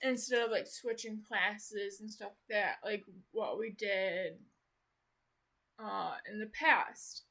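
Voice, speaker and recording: Slow, rambling woman vlogger. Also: medium pitch, steady tone, bright, forceful tone. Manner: rambling, full of "like" and restarts. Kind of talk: casual rambling vlog chat.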